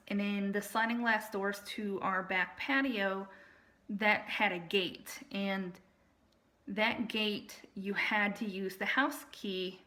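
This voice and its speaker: Female, adult, bright and sharp-edged voice, casual first-person storytelling with an aggrieved, explanatory delivery. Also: medium pitch. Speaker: storyteller recounting personal family experiences.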